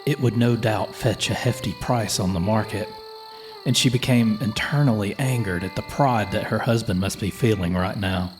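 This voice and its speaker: A man reading a folklore horror story as a slow, measured, solemn scripted narration. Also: fairly low pitch. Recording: music playing under the voice.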